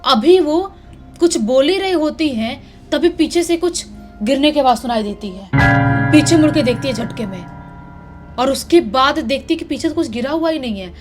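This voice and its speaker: Woman horror narrator; dramatic, suspenseful, slightly high, soft music bed. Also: expressive, normal speed. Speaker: horror storyteller. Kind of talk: told horror story narration.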